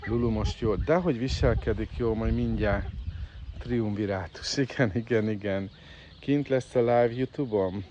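A man's voice: on the low side, highs cut off, background noise. A man calling and coaxing his farm animals in a casual live stream, chatting to viewers outdoors. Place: outdoors in a farmyard. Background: birds and chickens.

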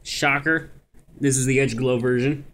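A young man speaking quietly at night so as not to wake anyone, casually going through a collection item by item. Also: medium pitch, steady tone, unhurried. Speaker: toy collector showing his collection. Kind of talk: casual collection walkthrough, listing items. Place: carpeted room at home. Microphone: handheld camera, held by the speaker.

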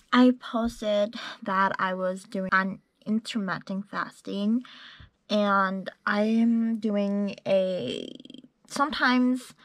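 A young adult woman with a medium-pitched voice chats casually in a vlog, rambling with lots of fillers. She holds her phone camera at arm's length in a small bedroom and a parked car, and the sound has no echo.

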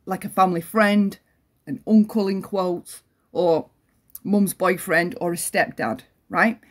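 A woman giving an earnest opinion commentary, repeating her points and often adding "right?". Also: on the low side. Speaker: commentary channel host.

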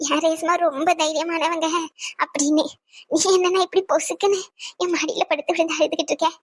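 A woman's voice: extremely high pitch, flat delivery, brisk, dry recording, studio quality. A woman voicing a stern but caring older mother in a cartoon who lectures and scolds her family. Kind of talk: cartoon voice acting.

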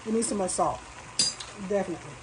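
Speaking fast in a mid-range voice, a woman demonstrates a recipe from her home kitchen in a relaxed, chatty way, calling her viewers y'all. The camera sits on a counter near the stove, and sizzling food and other kitchen sounds come through.

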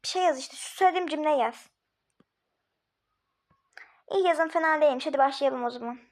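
A woman's voice: high voice, a little fast, close to an everyday voice. Woman doing a teasing, bossy schoolboy.

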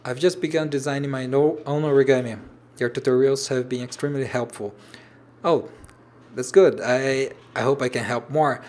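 This medium-pitched man speaks at a normal speed in a steady, darkish tone. He's an origami designer in his thirties, a native Portuguese speaker with a Brazilian accent, casually reading viewer comments on a livestream from a home room with shelves. He hesitates and restarts phrases, often stopping to search for English words.

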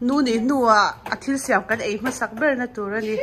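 A young woman chatting excitedly at a wedding party, reacting with quick exclamations. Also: fairly high pitch. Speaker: vlogger, half of a married couple. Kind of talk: casual chat. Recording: noisy with crowd chatter behind.

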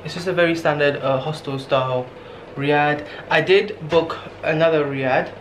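Fairly high-pitched and fairly even in intonation, this young man in his twenties talks at normal speed on a low-quality recording. Vlogging alone on his travels, he rambles tiredly to a handheld camera at arm's length, using fillers; he's exhausted with a sore throat. He starts in a guesthouse room, later moves to a noisy narrow street at night, with clear background noise.

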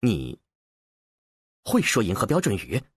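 A man's voice: mid-range voice, normal speed, a bit bright, breathy edge, dry recording, studio quality. A man voicing a wary male starship captain in an audiobook, blunt and guarded in speech. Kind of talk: audiobook character voice.

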